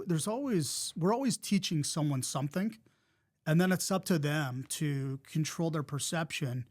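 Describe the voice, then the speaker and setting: Upbeat podcast host, man, slightly high voice. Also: a little mellow. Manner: encouraging, reflective, with repeated restarts. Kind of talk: casual interview talk.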